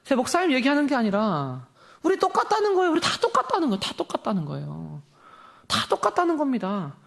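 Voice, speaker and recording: An impassioned young man delivers a sermon in a fairly high voice. His pitch leaps and drops constantly, and he drives his points home with rhetorical questions. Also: huge pitch swings, fast, gravelly, a bit bright. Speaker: preacher.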